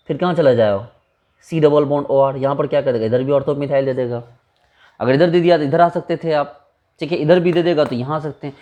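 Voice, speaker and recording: Guy teaching chem, laid-back, keeps asking the class questions, mellow warm tone. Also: on the high side. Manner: informal, rhetorical questions, addresses students as brother. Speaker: chemistry teacher. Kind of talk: casual blackboard lecture.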